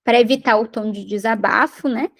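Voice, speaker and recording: A woman with a high voice gives a recorded parenting lesson. She explains each point patiently, rephrasing and checking in with the listener as she goes. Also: normal speed. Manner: explanatory, repeats and rephrases points, tag questions. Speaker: parenting educator. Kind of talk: recorded lecture on parenting skills.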